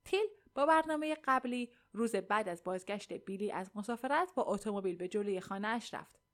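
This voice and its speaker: Woman audiobook narrator, calm and even. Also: medium pitch.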